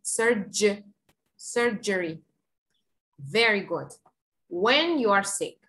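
A woman's voice: mid-range voice, animated, fairly bright tone, low-quality recording. A woman with an Argentine accent teaching English online, patiently modeling words and coaching pronunciation. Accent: Argentine Spanish. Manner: patient, slow and encouraging, models words carefully.

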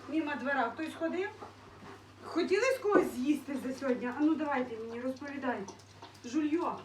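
A woman with a high voice talks to her dogs in a cooing, babying way, snapping out short commands in between. She is heard from some distance in a roomy, echoing space. Faint noise runs underneath. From Ukraine. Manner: cooing baby talk to dogs, with firm commands. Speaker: dog breeder. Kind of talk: casual talk to her dogs.

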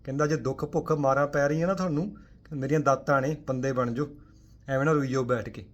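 A man giving a Sikh spiritual talk to viewers. He speaks forcefully, asks rhetorical questions, swings between loud emphatic bursts and quiet low asides, and mixes in English words. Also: steady tone, fast talker, highs cut off.

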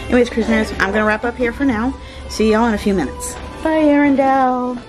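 A woman's voice: fairly high pitch, brisk, music in the background, rough recording. Chatty woman vlogging on a phone. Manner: chatty, addresses viewers directly, upbeat. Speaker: cruise vlogger. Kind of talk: casual vlog narration. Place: cruise ship and terminal, then car. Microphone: handheld phone camera at arm's length.

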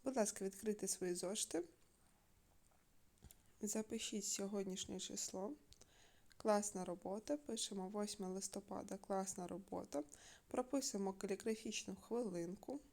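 A woman teaching a primary school lesson for video, giving slow, clear instructions and sounding words out syllable by syllable. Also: mid-range voice, darkish tone. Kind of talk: recorded remote lesson.

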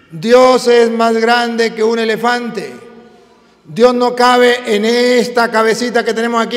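A male priest with a high-pitched voice delivers a sermon full of emphatic, repeated phrases, stacking lines on top of one another to build each point. His words echo through a large hall with long reverb.

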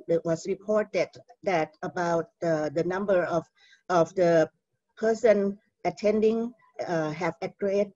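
Thai-accented woman giving a halting keynote. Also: mid-range voice, darkish tone, dry recording. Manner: careful, halting delivery with frequent "uh" fillers. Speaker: keynote speaker. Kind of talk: conference keynote presentation. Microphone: video call. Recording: dull lo-fi video call audio.

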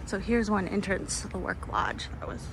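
A woman leads a relaxed walking tour of an outdoor shopping center, filming on a handheld phone; she's filler-heavy, laughs a lot, and sounds a bit tired and thirsty. Her mid-range voice swings widely in pitch at a moderate pace, over traffic and outdoor ambience.

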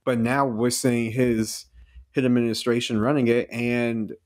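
A man's voice: medium pitch, flat delivery, a little slow, darkish tone, no room sound, studio quality. A man chatting on a podcast, informal and emphatic, with slangy asides. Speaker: podcast guest. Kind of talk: casual podcast chat.

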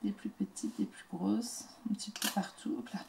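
A woman hosting a casual craft tutorial, talking through each step in a chatty, soft-spoken way and murmuring quietly as she works. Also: mid-range voice, steady tone, moderate pace, vocal fry, slight background noise.

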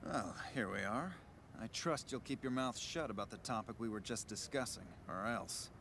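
A man playing a smug, self-important mercenary bodyguard in a video game, talking briskly and confidently. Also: fairly low pitch, fairly bright tone, slight background noise. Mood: smug, guarded. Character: smug, cocky male mercenary bodyguard, shady con artist. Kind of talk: video game character dialogue.

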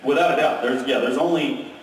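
In a large hotel conference room full of audience members, a male presenter talks fairly quickly in a mid-range voice during a technical keynote. He's energetic and keeps checking in with "okay?" and "right?", captured from far away in the very echoey ballroom.

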